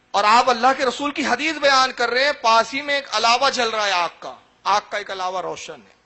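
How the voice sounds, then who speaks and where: A man's voice: sits high, bright, forceful tone. A man preaching a sermon, telling a story dramatically with acted quotes. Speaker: religious speaker.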